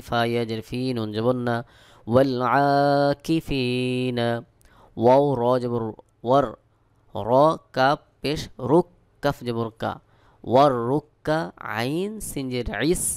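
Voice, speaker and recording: A Bangladeshi man teaching Quran reading, spelling out each letter slowly and then chanting the verses. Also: medium pitch, darkish tone, smooth, dry recording. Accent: Bangladeshi Bengali. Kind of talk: spelling out Quran recitation lesson.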